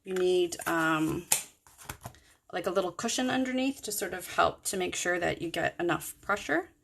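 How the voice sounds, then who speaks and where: Woman with the hiccups, casual card-making demo, low and unhurried. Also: gravelly. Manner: chatty, rambling, self-correcting. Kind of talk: casual craft tutorial.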